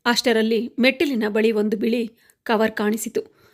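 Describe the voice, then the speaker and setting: A woman's voice: on the high side, steady tone, moderate pace. Woman narrating a dramatic family story. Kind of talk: scripted first-person story narration.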